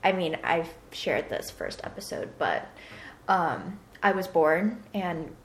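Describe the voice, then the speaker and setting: A woman's voice: fairly low pitch, expressive, slow pace, slight background noise. A young woman in her twenties chats casually as a podcast co-host, talking loosely with plenty of fillers. Her voice carries some room echo. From Hong Kong. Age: 20s. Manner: chatty, with frequent fillers. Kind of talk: casual chat. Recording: roomy echo.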